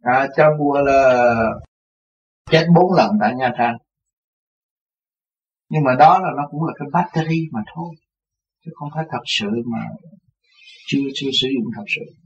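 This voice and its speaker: An older man with a husky, slightly breathy voice recounts his own story as a religious teacher. He tells it with animation, laughing and acting out the voices of others. The recording sounds dull and lo-fi. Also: medium pitch, moderate pace, pauses often. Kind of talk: personal storytelling in an interview.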